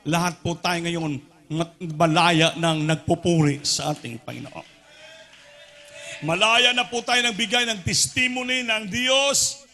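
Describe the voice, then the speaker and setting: A high-voiced man from the Philippines preaches at an overnight prayer meeting, switching between Tagalog and English. He fervently calls for responses from the congregation and shouts at the sermon's peaks.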